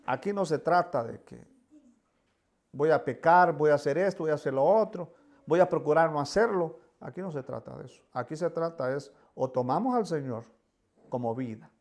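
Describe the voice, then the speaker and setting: Gravelly-voiced man preaching with fervor. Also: on the high side, lively intonation, moderate pace, darkish tone. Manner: fervent, pleading prayers with many repeated words. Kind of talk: sermon.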